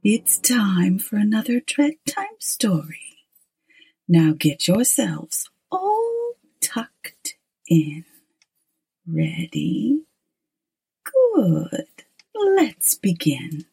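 A woman with a breathy, husky voice speaking as a theatrical horror host, drawing out words and slipping into whispers to introduce a spooky bedtime story. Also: mid-range voice, wildly swooping pitch, very slow, long pauses, mellow.

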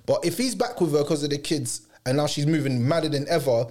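Young london guy w roadman accent, kinda high voice, just chatting on a podcast. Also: brisk, a little mellow. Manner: London roadman slang and delivery. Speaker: podcast host. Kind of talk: casual chat.

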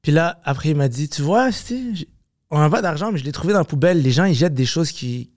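A man with a Québécois French accent, a comedian talking as a podcast guest, animated, swearing often and slipping into English. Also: a little high, fast talker, no echo, studio quality. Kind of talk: casual podcast conversation.

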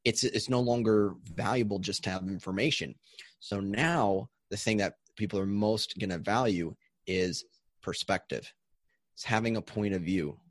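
A man speaks as an interview guest, explaining with keen energy and the odd restart. His voice sits a little low. The sound is dry and close. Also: moderate pace, no echo. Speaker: audiobook coach and guest. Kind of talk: conversational interview.

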